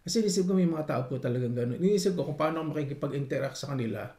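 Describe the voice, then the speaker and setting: A man's voice: on the high side, racing. A young Filipino man casually and politely telling stories from his life abroad, acting out the people he quotes. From Philippines. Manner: polite, animated, acts out quotes. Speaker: vlogger. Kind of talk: casual storytelling. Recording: echoey room.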